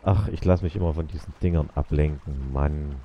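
A man's voice: very deep voice, steady tone, normal speed, lo-fi sound, slight background noise. A man casually commenting while playing a video game, muttering to himself and talking to the characters on screen. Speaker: let's play gamer.

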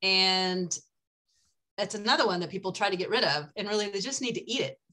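A woman's voice: medium pitch, a little fast, pushed and bright. An older woman guiding a foraging talk in a chatty, enthusiastic way with many ums, speaking over a webcam from an indoor room. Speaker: foraging guide. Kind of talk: casual presentation over slides. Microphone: webcam on a video call.

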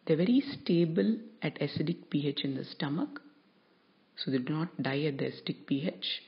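A woman lecturer explaining a topic to students in a measured, explanatory way, stressing key terms. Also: low voice, lively intonation. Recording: dull lo-fi recording.

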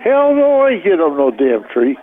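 A man talks over a landline phone with a thin, tinny sound. His voice is high for a man and swings widely in pitch. He is blunt and gruff and swears casually. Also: huge pitch swings, normal speed. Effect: heard over a landline phone. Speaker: call recipient. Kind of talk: phone conversation.

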